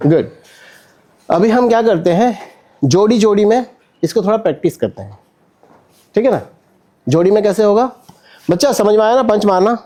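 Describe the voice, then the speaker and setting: Brief: male acting coach, high animated voice, energetic drill calls in a studio class. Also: normal speed, pauses often. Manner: energetic, counts and calls out corrections. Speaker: acting instructor. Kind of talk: coaching a stage-fight drill.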